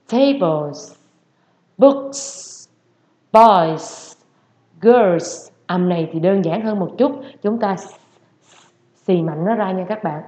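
A woman's voice: fairly low pitch, mellow. A woman who speaks Vietnamese as her first language, teaching English pronunciation and repeating each sound and word several times. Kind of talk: pronunciation lesson with drills. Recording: roomy, dull lo-fi sound.

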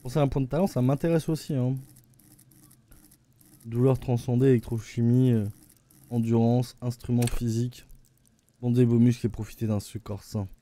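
Speaking at a moderate pace with long pauses, this Frenchman's medium-pitched, dark voice stays fairly even as he chats through a game on a live stream. His talk wanders and falters, packed with "euh" and repeated calls of "attendez."

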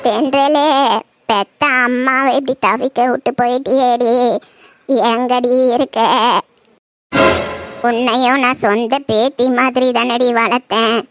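A woman's voice: on the high side, steady tone, music in the background. Woman voicing a mournful old village grandmother. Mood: grieving. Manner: slow, mournful, lamenting. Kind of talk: cartoon voice acting.

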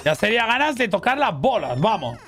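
A man playing a horror game as a streamer, chatting casually with his viewers, swearing and yelling at the scares. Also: sits high, brisk, faint music behind. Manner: excitable, swears and shrieks at scares, talks to chat. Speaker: gaming streamer. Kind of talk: casual let's-play commentary.

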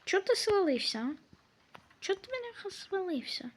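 A woman's voice: very high-pitched, sing-song. A woman giving casual let's-play commentary, scolding and swearing at the game characters as she plays. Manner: slow, drawn-out delivery. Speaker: gameplay commentator.

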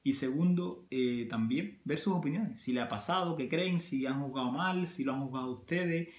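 A man with a Cuban Spanish accent chats straight to camera, working through his point with plenty of restarts and everyday examples. His voice sits at a middling pitch and carries the echo of a bare room. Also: normal speed. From Cuba. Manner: conversational, many restarts and examples. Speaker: vlogger. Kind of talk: casual talk to camera.

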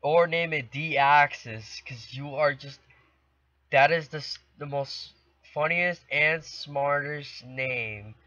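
A man's voice: fairly high pitch, slow, pushed and bright, no room sound. A teenage boy commentating a video game from his bedroom, playfully trash-talking the opponents. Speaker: gaming channel host. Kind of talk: let's play commentary. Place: bedroom at home. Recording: dull lo-fi dry home recording.

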